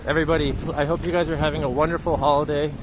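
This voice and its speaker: Very fast and flat in delivery, this slightly high male voice belongs to a Japanese livestream host strolling city streets. He chats casually and reads out viewer comments, with traffic and street noise filling the outdoor recording.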